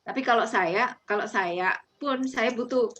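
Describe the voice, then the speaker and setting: A woman's voice: on the high side, a little slow, fairly bright tone. A woman teaching presentation skills in an online class, chatty, with many fillers and restarts, dropping English phrases into her talk.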